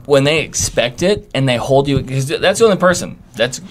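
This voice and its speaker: A man's voice: medium pitch, expressive, normal speed, slight background noise. Hyped, swearing young man on a podcast. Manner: hyped, swearing, emphatic storytelling. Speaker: podcast guest. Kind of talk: casual podcast chat.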